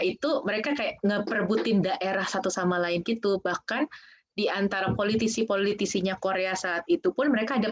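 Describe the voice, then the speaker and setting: Chatty woman explaining on a video call. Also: medium pitch. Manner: casual explaining, frequent "kayak gitu" and "mm-mm". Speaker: guest speaker on Korean literature and culture. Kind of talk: online presentation and Q&A. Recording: dull lo-fi video call audio.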